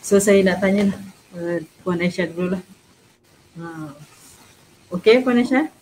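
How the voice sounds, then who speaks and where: A woman's voice: mid-range voice, measured pace, a little mellow. Malaysian woman hosting over a noisy online call. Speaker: panel host, moderator. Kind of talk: informal moderating of an online forum.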